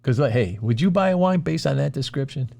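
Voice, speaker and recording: A man's voice: mid-range voice, lively intonation, brisk, vocal fry, dark tone. A man co-hosting a casual chat, blunt and skeptical, scoffing in disbelief. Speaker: podcast co-host.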